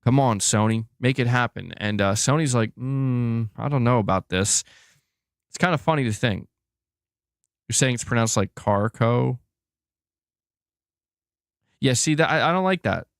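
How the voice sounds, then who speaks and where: Gravelly yet clear and resonant, this man's mid-range voice is unhurried, with long pauses. He hosts a gaming news livestream, speaking informally and responding to chat as if talking with viewers, in a dry, studio-quality recording.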